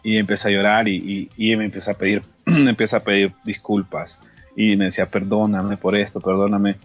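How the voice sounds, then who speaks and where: Low-voiced Honduran man telling his story. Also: brisk, breathy edge, dull audio, faint music behind. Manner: animated storyteller who acts out the dialogue and often repeats words. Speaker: guest, singer and pastor. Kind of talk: telling a personal story in an interview. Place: radio studio.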